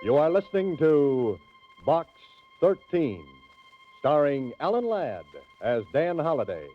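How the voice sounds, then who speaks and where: A man announcing a 1940s radio drama in a measured, theatrical manner. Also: on the high side, big pitch swings. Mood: dramatic. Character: stately dramatic male radio show announcer. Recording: lo-fi 1940s radio, loud music behind.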